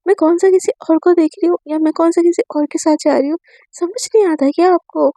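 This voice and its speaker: A woman's voice: very high-pitched, steady tone, fairly quick, warm tone, no room sound, rough recording. A woman voicing a practical, soothing young woman in college who coaxes her partner and mixes in English words. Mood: coaxing.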